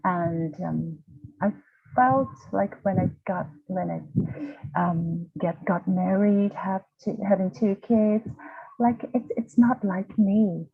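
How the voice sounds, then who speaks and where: A woman in her 40s from Vietnam, a university lecturer appearing as a guest, speaks slowly in a gravelly, husky, medium-pitched voice. She tells her personal story with frequent hesitations and restarts as she searches for words. Soft background music plays under tinny, dry video-call audio with no echo.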